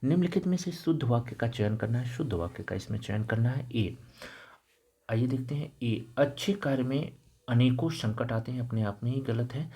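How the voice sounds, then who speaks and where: A man's voice: medium pitch, moderate pace, warm tone, breathy edge. A man teaching Hindi, going through test questions and carefully spelling out the correct forms of words. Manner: methodical, repeats and spells out each word. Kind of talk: explaining test answers.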